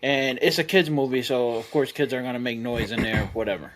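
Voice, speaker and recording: Animated, profane man telling a story. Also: medium pitch, brisk, a little hiss or hum. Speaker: podcast panelist. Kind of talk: casual storytelling chat.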